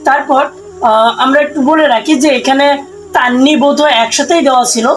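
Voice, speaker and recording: A woman giving a slow, step-by-step pronunciation lesson, asking questions and then answering them herself. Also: sits high, slight background noise, low-quality recording. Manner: explains slowly, asks and answers her own questions. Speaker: Sanskrit pronunciation teacher.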